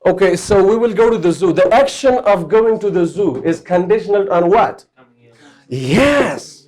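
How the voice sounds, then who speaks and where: A man's voice: high voice, animated, measured pace, a little mellow. Man teaching an English grammar class. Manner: explains step by step, often checks understanding.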